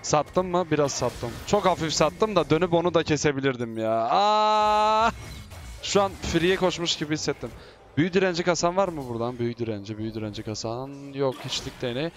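A man giving live commentary as he plays a game, excitable and teasing, often shouting at teammates. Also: a little high, quick pace, faint music behind. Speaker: gaming YouTuber.

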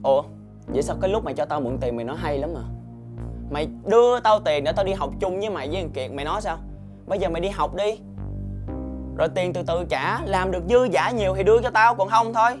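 A man's voice: high-pitched, fast talker, natural voice. A young man, playing a hard-up student who defends himself in a quarrel, with music underneath. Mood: angry. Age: young adult. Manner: pleading, then heated and shouting. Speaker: student and part-time worker. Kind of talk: web sitcom acting.

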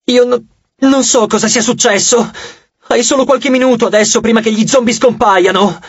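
Man doing an anxious teen boy, urgent and shaken, high voice, dry dull sound. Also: steady tone, normal speed, breathy edge, no echo, exaggerated voice. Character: anxious teenage boy, son of the underworld god.

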